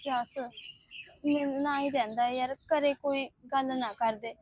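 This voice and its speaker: An actress playing a troubled young widow who answers hesitantly and sadly, in a short film drama. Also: female voice, sits high, steady tone, unhurried, a little mellow, slight background noise, rough recording. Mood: sorrowful. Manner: hesitant, sorrowful.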